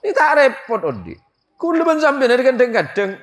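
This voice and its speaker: A middle-aged man preaching a humorous sermon to a gathering, telling an anecdote with animated, switching local speech. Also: very high-pitched, fairly quick. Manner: animated storytelling, switches between Madurese-style local speech and Indonesian. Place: religious school gathering, audience laughing.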